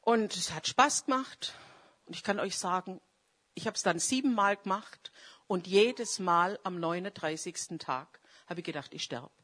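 A woman's voice: fairly low pitch, measured pace. A woman preacher, giving a fervent charismatic sermon and praying aloud. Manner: fervent, swings between loud calls and quiet confession; prays aloud mid-sermon.

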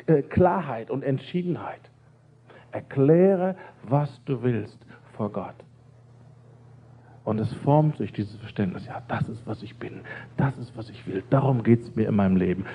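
A man preaching a sermon in an emphatic, insistent way, hammering home repeated phrases. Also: on the high side. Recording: tinny phone-like sound.

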